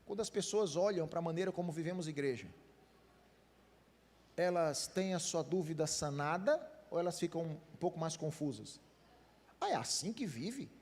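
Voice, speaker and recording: A Brazilian pastor preaches a sermon in a fairly high voice. He questions the congregation directly and acts out little exchanges of dialogue. His voice trails off in a church hall with a long reverb. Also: moderate pace, a little mellow. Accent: Brazilian Portuguese. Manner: conversational preaching with quoted dialogue.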